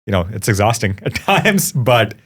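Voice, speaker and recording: A man from India with a somewhat low voice speaks as a podcast guest. He is a founder reflecting thoughtfully and warmly, and he pauses on plenty of ums. His manner is casual and unhurried. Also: sing-song, slightly rough. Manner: warm, reflective, frequent fillers.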